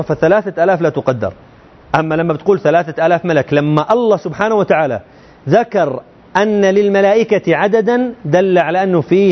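The highs are cut off in this recording of a high-pitched man explaining a creed text to students. He teaches in a colloquial manner and often hits them with rhetorical questions.

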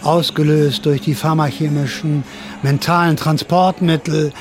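A man with a fairly high, fairly even voice speaks a little slowly, lightly acting the part of a sardonic, rambling sixties counterculture veteran. He narrates a radio drama as an amateur sleuth and investigator, wry and theatrical, in a mood of wry musing.

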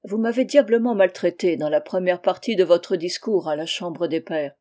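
A genial old king in exile speaks with a gentle, rueful warmth. A woman reads him aloud in a storybook manner. The voice stays soft and mellow. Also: sits high, normal speed, close to an everyday voice. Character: aging deposed old king, genial and regretful.

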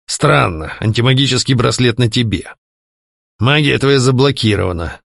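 A man's voice: mid-range voice, lively intonation, normal speed, vocal fry, a bit bright, no room sound, clean studio sound. A man voicing a masked male conspirator leader who speaks coldly and curtly, with menace. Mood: threatening. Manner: cold, curt, irritable.

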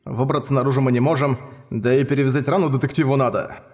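A level, measured voice for a composed young man, read by a male narrator in his own register. He speaks quietly and reasons things out. The delivery is steady audiobook reading. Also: mid-range voice, natural voice. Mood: calm. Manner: calm, measured. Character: calm, thoughtful young man, nineteen.

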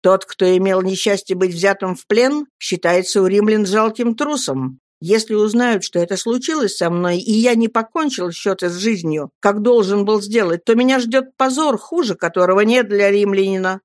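A woman's voice: mid-range voice, normal speed, few pauses, a little mellow, dry recording, close to an everyday voice. An ardent young Roman soldier in a storybook, speaking with proud, emphatic passion, as a woman reads him. The voice stays in a medium range, and the sound is close and dry. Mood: resolute. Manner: emphatic, impassioned delivery.

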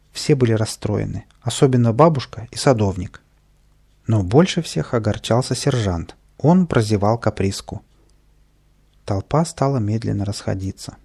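A man narrating a children's storybook at a steady, even pace. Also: fairly low pitch, normal speed, gravelly, breathy edge. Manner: steady and even-paced, with lively voiced dialogue. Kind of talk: storybook reading.

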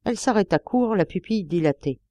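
A woman reading a novel aloud as an audiobook narrator, measured and expressive. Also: mid-range voice, no echo. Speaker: audiobook reader. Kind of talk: scripted narration.

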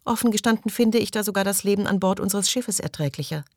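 A man's voice: high voice, quick pace, no room sound, clean studio sound, pitched above the performer's own voice. A man doing a breathless, fussy old lady. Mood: shaken. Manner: breathless, polite, fretful. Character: elderly woman, frail and fussy.

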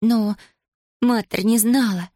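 A stubborn, fiery young girl cries out in a high, indignant voice, as a woman reading the story puts her on. The sound is dry and close, with nothing behind it. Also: fairly even intonation, slow, warm tone, dry recording. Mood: pleading.

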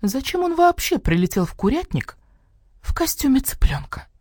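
A woman's voice: sits high, big pitch swings, normal speed, darkish tone, no echo, clean studio sound, voice pushed up. A woman voicing a large, timid female pig who frets anxiously and keeps sinking into a whisper. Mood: fretful. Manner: anxious, often dropping to a whisper. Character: plump timid female pig, fearful and fussy.

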